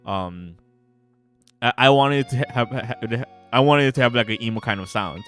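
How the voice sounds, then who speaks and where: A male game developer holds a casual livestream chat with some read-aloud narration, stammering and repeating words over guitar music. His voice has a medium pitch and a fairly bright tone, at normal speed.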